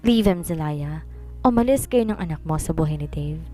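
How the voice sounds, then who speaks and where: A woman's voice: sits low, expressive, moderate pace, dark tone, faint music behind. A woman reading as a cold, scornful rich mother. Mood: commanding. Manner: condescending, dismissive. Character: cold, scornful wealthy middle-aged mother. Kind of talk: storybook read-aloud.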